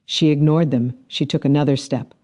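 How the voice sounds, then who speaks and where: A man narrating a science fiction story in a measured, dramatic storytelling manner. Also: a little high, steady tone, mellow. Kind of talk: scripted narration.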